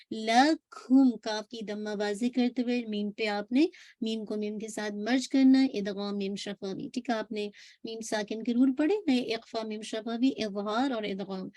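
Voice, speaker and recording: A woman with a Pakistani Urdu accent teaching Quran recitation rules, modeling words slowly and explaining each rule. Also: on the high side, dark tone, no room sound. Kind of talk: tajweed class over audio call.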